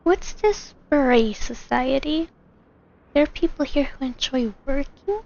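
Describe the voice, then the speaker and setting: A woman game streamer chats casually and a little hesitantly over her gameplay, with faint game music behind her. Her high voice has lively intonation, an unhurried pace, and a creaky, slightly mellow quality. Her dull lo-fi microphone adds a little hiss or hum.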